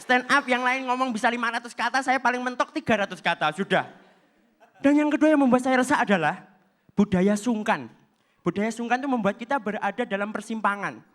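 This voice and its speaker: A man performs a stand-up comedy set in a fairly high voice. He is animated and slips into brief voices to act out everyday exchanges. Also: a little fast. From Java, Indonesia. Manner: animated, acts out short quoted exchanges in other voices.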